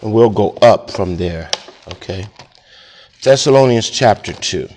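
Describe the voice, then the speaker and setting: Slow, halting man preaching. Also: lowish voice, animated, darkish tone, a little hiss or hum. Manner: slow, halting, with many fillers and self-corrections. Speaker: pastor. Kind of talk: sermon Bible study.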